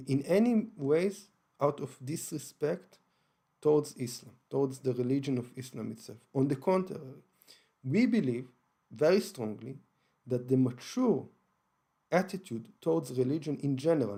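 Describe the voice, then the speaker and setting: His voice is medium in pitch, gravelly and husky, with a dark tone. The Israeli-accented man hosts his channel, explaining his religious views carefully and unscripted, often hesitating and starting over.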